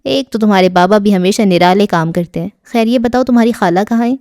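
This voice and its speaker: A woman's voice: mid-range voice, a little mellow, dry recording, clean studio sound, close to an everyday voice. A woman reading the part of a playful, teasing young man who wheedles favors. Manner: mischievous, wheedling. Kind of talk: audiobook character reading.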